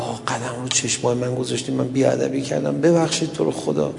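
A man's voice: a little high, gravelly, darkish tone, long reverb tail, slight background noise. A man preaching a sermon and retelling stories, tender at first and rising into mournful lament. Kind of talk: religious sermon with storytelling and lament.

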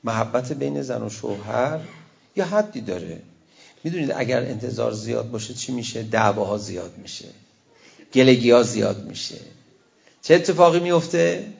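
Male cleric, conversational sermon with wry asides, gravelly voice, dull lo-fi sound. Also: medium pitch, animated. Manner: conversational preaching with wry asides and quoted poetry. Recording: dull lo-fi recording.

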